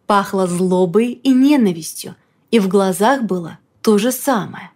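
A woman reading a first-person novel aloud in a lively, expressive storytelling manner. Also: medium pitch, measured pace. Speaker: audiobook reader. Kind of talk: first-person audiobook narration.

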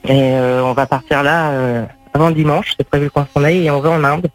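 A man voicing a hesitant young woman who calls her father in a radio prank call, halting and full of fillers. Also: a little high, steady tone, soft background music, lightly acted.

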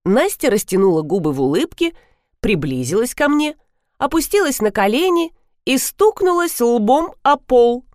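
A woman narrating a first-person novel in a wry, expressive way. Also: a little high, moderate pace, dry recording, studio quality. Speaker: audiobook narrator.

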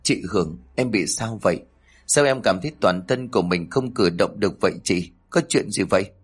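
A man's voice: on the low side, normal speed, slightly rough. A man voicing a frail, sorrowful old mother. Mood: weak, tearful. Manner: weak, pleading.

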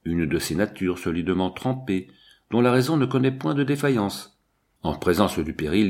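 A man reading an adventure novel aloud as an audiobook narrator, in an expressive, dramatic way. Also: on the low side.

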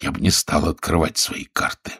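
Scheming stout husband read by a man, deep, husky, hushed and secretive, audiobook. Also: fairly even intonation, normal speed, exaggerated voice. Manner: hushed, conspiratorial, often half-whispered.

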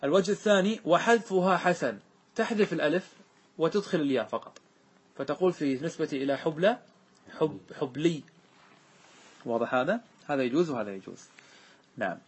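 A man explains an Arabic grammar poem to his class in a fairly high, slightly rough voice that is animated and fairly quick, broken by long pauses. He patiently repeats examples and checks that everyone is following.

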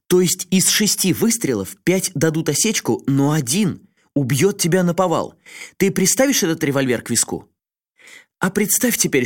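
A man's voice: fairly high pitch, voice pushed up, lightly acted. A man voicing a frantic male journalist who pleads with a friend in a raised, agitated voice.

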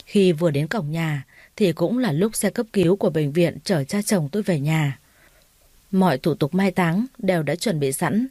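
A woman narrating a first-person story in a steady, somber reading voice. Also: lowish voice, no room sound. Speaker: story reader.

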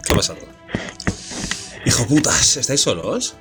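A man's voice: medium pitch, big pitch swings, moderate pace, over music. A man who is a longtime regular on a casual podcast, ranting and swearing freely. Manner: profane, ranting.

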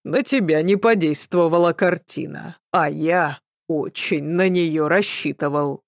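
A woman reading the part of a hysterical, vengeful man in his thirties whose voice rises to a shrill screech. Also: a little slow, gravelly, dry recording, studio quality. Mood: menacing. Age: 30s. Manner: shouting, hysterical.

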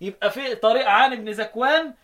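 A man with an Egyptian Arabic accent teaching a lesson on recitation readings, asking questions and answering them himself, chanting verses slowly. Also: extremely high pitch, fairly bright tone.

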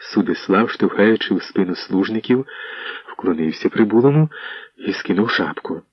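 A man narrating a historical novel as an audiobook in a measured storytelling manner. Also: fairly low pitch, lively intonation, slightly rough, no room sound. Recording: dull muffled dry audio.

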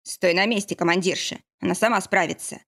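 Woman doing a gruff, teasing young husband. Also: on the low side, steady tone, brisk, a bit bright. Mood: curt. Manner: growling, curt.

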